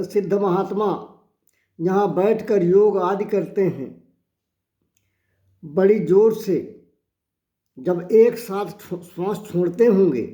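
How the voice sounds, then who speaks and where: A man's voice: sits high, dark tone, reverberant. A man voicing a group of young cowherd boys chatting and asking each other questions.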